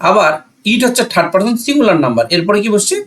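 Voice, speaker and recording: His pitch swings widely as he fires off a grammar lesson at rapid speed, his slightly high voice fairly bright. The man has a Bangladeshi accent and teaches like a methodical classroom instructor, answering his own questions and repeating phrases to reinforce key points.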